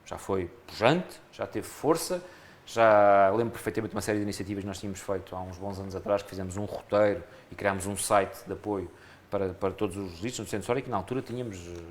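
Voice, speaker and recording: A man's voice: on the low side, fast. A man with a European Portuguese accent, a candidate in a local election, answering radio interview questions earnestly and often restarting his phrases.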